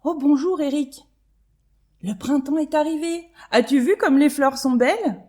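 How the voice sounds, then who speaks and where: A woman voicing a friendly, chatty male earthworm in a children's storybook reading, bright and lively. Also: high-pitched, unhurried, voice pushed up.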